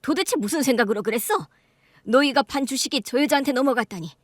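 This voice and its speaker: Picture a furious father roaring at his grown kids in a radio drama, voiced by a woman. The voice sits high and bright. It is recorded close and dry. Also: fast, no echo. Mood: angry scolding. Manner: shouting, scolding. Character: stern, furious middle-aged father scolding his grown children.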